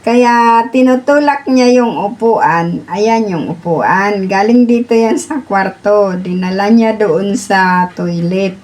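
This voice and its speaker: A woman's voice: medium pitch, takes it slowly, few pauses, a little mellow. A woman filming her dog at home on a phone, talking to it in a coaxing, questioning sing-song and explaining to the viewer. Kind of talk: casual talk to a pet and camera. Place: home indoors.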